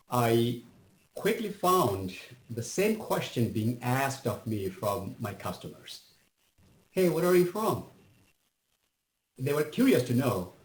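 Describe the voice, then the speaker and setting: A middle-aged Bangladeshi man with a Bangladeshi accent and a lowish voice gives a personal testimony at a public event. He is measured and reflective, pausing often with fillers, and the recording is rough and reverberant.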